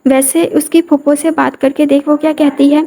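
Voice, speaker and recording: An easygoing young man teases his friend and suggests going out, read by a woman narrator. The voice is high and mellow. It is a casual audio novel reading. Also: level tone.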